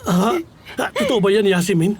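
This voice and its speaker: A flustered, excitable brother. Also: male voice, high-pitched, moderate pace, a little hiss or hum. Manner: flustered, stammering. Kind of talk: Tagalog drama dub.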